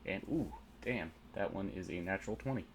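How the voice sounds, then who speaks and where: A man's voice: low voice, animated, fairly quick, a little hiss or hum. A man narrating a tabletop game as game master, methodically explaining rules and dice rolls.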